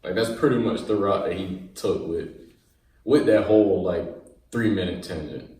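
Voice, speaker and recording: A man's voice: sits low, normal speed, mellow. Male podcast host, loose and slangy, recorded far from the mic in a roomy space. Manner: laid-back, loose slang, laughs often. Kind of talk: casual chat. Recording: echoey room, far from the mic.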